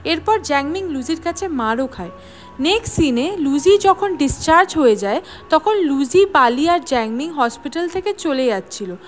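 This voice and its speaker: A woman's voice: high-pitched, normal speed, soft background music. A woman narrating the plot of a drama scene by scene and reading out the characters' lines as she goes. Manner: lively storytelling, reading out each character's lines. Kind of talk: scripted story narration.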